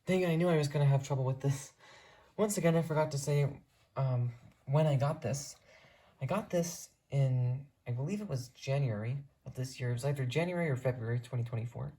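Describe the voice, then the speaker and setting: Showing off their radios in a casual collection tour, this hobbyist creator talks briskly in a warm, medium-pitched voice. They come across as earnest, rambling, and eager.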